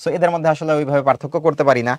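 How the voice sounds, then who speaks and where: A man's voice: fairly high pitch, rapid-fire, a little mellow, no room sound. A man teaching an online class, explaining step by step in a casual manner and drawing out sounds as examples. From Bangladesh. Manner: colloquial, mixes in English words. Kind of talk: online lecture for students.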